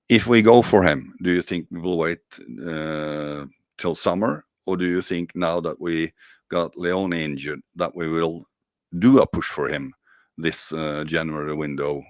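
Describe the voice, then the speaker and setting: A man's voice: low-pitched, no room sound, clean studio sound. A man hosting a casual football chat, asking long questions with many hesitations. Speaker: podcast host.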